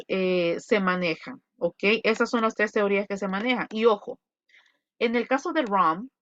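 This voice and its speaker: A woman, a Spanish speaker, teaching an English class online and voicing her students' questions in an animated way. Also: mid-range voice, dull audio.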